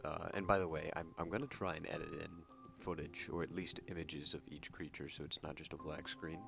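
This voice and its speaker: A soft-spoken man giving casual, rambling ASMR commentary on a video game, correcting himself as he goes. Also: flat delivery, brisk, creaky. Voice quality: soft-spoken, low voice without whispering. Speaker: YouTube game channel host. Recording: muffled audio under prominent music. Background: music.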